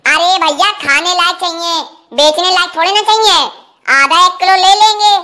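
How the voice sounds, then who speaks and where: Brief: a performer as a shrill, bright village woman shopper, haggling, cartoon. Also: fairly even intonation, normal speed. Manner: haggling, mocking. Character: village woman customer, pushy and teasing. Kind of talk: cartoon comedy dubbing.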